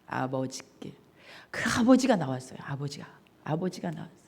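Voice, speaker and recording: A woman's voice: deep voice, sing-song, moderate pace, a little mellow, slightly rough. A woman pastor preaching a sermon, acting out dialogue and putting questions to the congregation.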